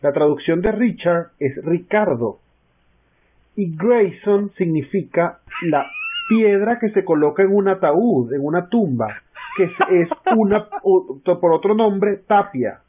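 A man's voice: sits high, animated, a little slow, slight background noise. A man co-hosting a casual podcast, explaining things at length with many restarts. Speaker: podcast co-host. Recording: tinny online call audio.

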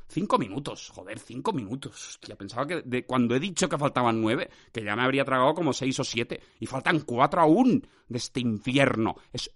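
A man hosting his own podcast, standing as he records a rambling, self-mocking improvised monologue full of theatrical outbursts, shouted nonsense sounds and sudden swings in loudness. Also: medium pitch, breathy edge. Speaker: podcast host.

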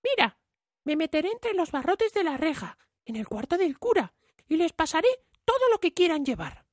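A man voicing a tiny, cheeky boy in a storybook reading, with a high squeaky childlike voice. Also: big pitch swings, moderate pace, dry recording, clean studio sound. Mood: eager. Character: tiny brave boy Tom Thumb, cheeky.

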